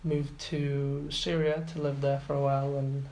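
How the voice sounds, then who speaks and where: A man's voice: medium pitch, little pitch movement, moderate pace, darkish tone. A man in his twenties from Iraq, talking as an interview guest, hesitant with many fillers and restarts. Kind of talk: casual interview. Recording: roomy echo, faint background noise.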